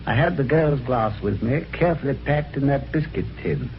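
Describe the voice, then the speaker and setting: In a 1950s radio mystery, a male actor plays a well-spoken, genteel British amateur sleuth who recounts his eerie adventure in conversational first-person narration. His medium-pitched voice is animated yet measured, at a moderate pace and lightly acted. The old recording sounds dull, with a little hiss or hum and music behind.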